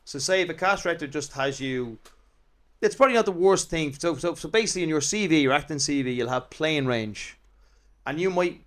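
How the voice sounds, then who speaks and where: A man's voice: on the high side, animated, fairly quick, fairly bright tone. An Irish man, an actor and comedian, chatting as a guest in a rambling, self-deprecating way. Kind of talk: casual interview chat.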